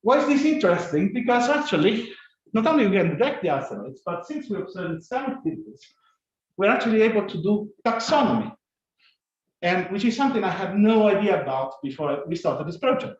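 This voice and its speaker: A man giving a fast, halting scientific conference talk, full of fillers and restarts. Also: sits high, big pitch swings. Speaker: conference speaker. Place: conference room or lecture hall. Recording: echoey, dull conference recording.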